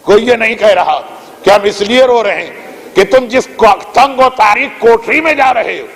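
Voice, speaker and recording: A dying young man pours out a reproachful, pleading lament in a strikingly high voice, put on by a preacher. The sound rings with a long hall reverb. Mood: anguished reproach.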